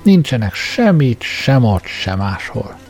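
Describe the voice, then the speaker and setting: A man voicing a boastful, cheerful storybook man who flatters a prince and giggles. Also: medium pitch, faint music behind. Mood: flattering.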